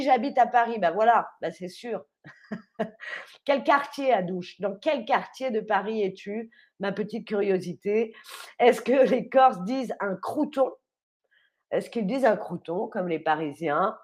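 A woman with a high, bright-pitched voice hosts a live stream and chats with her viewers. She quizzes them, laughs often, and leans on key words by stretching them out.

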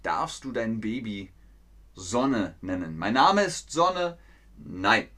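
A man giving a playful live-stream lesson to his chat, speaking slowly and clearly. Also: on the low side, sing-song, sharp tone. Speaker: German teacher streaming to chat.

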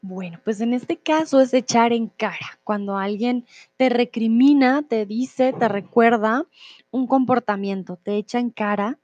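A woman's voice: fairly high pitch, unhurried, darkish tone, no echo, highs cut off. A woman teaching Spanish on a live stream, explaining expressions patiently and reading out viewer comments. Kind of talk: live-streamed language lesson.

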